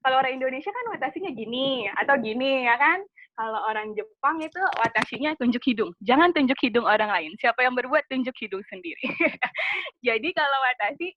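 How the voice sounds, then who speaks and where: A woman's voice: sits high, no room sound. A woman presenting a casual webinar lesson, chatty, asking the audience questions and laughing at her own jokes, on a computer mic. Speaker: webinar presenter on Japanese culture. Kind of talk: casual lecture with slides. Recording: dry, slightly dull webinar audio.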